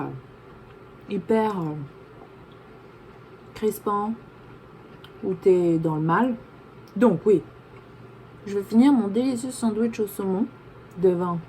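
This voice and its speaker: A woman's voice: fairly low pitch, mellow, slight background noise. Woman chatting casually while eating. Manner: chatty, talks while chewing a sandwich. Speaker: vlogger. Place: home room, backlit.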